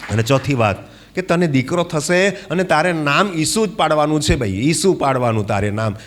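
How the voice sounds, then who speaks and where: A male preacher delivering a fervent sermon. He keeps asking his listeners questions and calling for claps and hallelujahs, dropping to a hush and then rising loud again. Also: fairly high pitch, expressive, normal speed, slight background noise. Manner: calls for claps and hallelujahs, asks the congregation questions; dramatic swings from hushed to loud.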